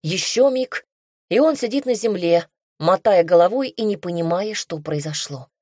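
A woman narrating an audiobook in a steady, measured storytelling manner. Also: fairly low pitch, breathy edge, no room sound, studio quality.

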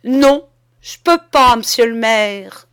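A stubborn old village postman and former soldier from a classic storybook, played by a woman. He talks in a plain rustic way, calm but unbending, in a voice pitched a little above the reader's own. The sound is dry and close. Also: a little slow, no room sound. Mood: firm. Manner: rustic speech, calm and firm.

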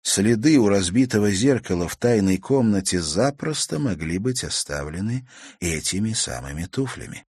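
A man narrating an audiobook in a measured storytelling manner. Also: fairly low pitch, animated, a little mellow, breathy edge, no echo, studio quality.

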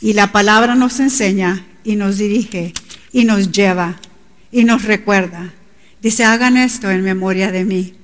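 A middle-aged woman preaching a sermon with passion, her voice climbing to cries at times. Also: mid-range voice. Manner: impassioned, rising to cries at times. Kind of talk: bilingual sermon. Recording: long reverb in a large hall.

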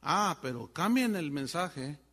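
Pastor preaching, high lively voice, acts out the people in his stories, long echo of a big hall. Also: slow. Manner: animated storyteller acting out voices, wide swings in pitch and volume. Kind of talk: sermon with storytelling.

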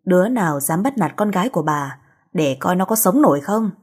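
A woman's voice: fairly low pitch, lively intonation, brisk, a little mellow, breathy edge. A woman voicing a protective, blunt middle-aged mother who scolds and comforts.

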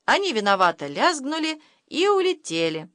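A woman narrating a children's audiobook in an expressive, animated way. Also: sits high, moderate pace, dry recording. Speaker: audiobook reader. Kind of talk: scripted storybook narration.

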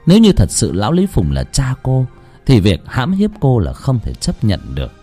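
A man's voice: medium pitch, wildly swooping pitch, moderate pace, warm tone, breathy edge, soft background music. A man narrating a horror story with dramatic, emotive storytelling.

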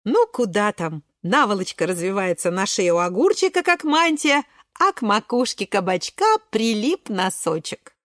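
A woman reading a children's storybook aloud in a playful, animated way. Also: mid-range voice, normal speed, dry recording, clean studio sound.

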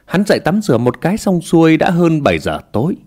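A man telling a village story with lively, expressive narration. His pitch sits in a middle register. The intonation moves animatedly from line to line. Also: quick pace.

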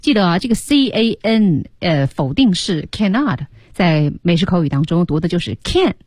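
Slightly husky woman radio teacher. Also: lowish voice, sing-song, moderate pace, darkish tone, dry recording, clean studio sound. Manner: guiding students, repeats English lines expressively. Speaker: radio English teacher, co-host. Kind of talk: explaining lesson on radio. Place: radio studio.

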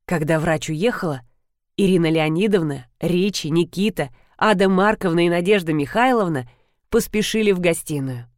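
A woman narrating a first-person audiobook in an expressive, amused way. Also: on the low side, moderate pace, dry recording, studio quality. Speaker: audiobook reader.

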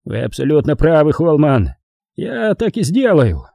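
A man's voice: on the high side, sing-song, creaky, warm tone, no echo, voice pushed up, exaggerated voice. Man doing a weary, despairing man. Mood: grim. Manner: slow, heavy, hopeless. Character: despairing guilt-ridden man, weary and drawn out. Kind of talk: audiobook character voice.

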